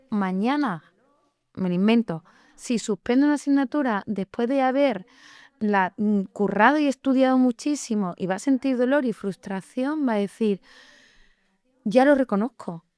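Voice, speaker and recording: A woman co-hosting a podcast, talking in an earnest, measured way and explaining with everyday examples. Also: on the high side, a little mellow, no echo. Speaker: podcast co-host. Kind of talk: reflective podcast conversation.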